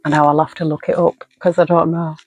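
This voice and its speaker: A woman's voice: low voice, level tone, fast, darkish tone, breathy edge, lo-fi sound. A woman giving a spoken tarot card reading, reflective and emotional, listing card meanings aloud. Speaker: tarot reader.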